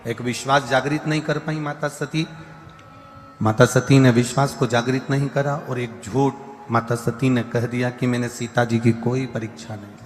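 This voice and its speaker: A man preaching a devotional sermon, hammering points through repeated lists and now and then singing verses. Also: medium pitch. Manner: repetitive emphatic lists, breaks into song. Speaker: katha preacher. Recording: live hall reverb with faint music.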